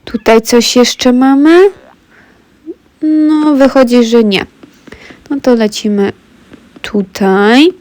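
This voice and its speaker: Sick with a cold, her throat stuffy and congested, a woman chats straight to viewers as she plays a game, giving casual let's-play commentary. Her voice is fairly high and darkish, her pace slow with frequent pauses, and there's no room sound.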